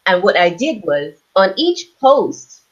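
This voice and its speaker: Speaking slowly yet very animated, this medium-pitched woman from the Bahamas talks about her work. She is an aromatherapy business owner and author appearing as an interview guest, heard through dull lo-fi online call audio.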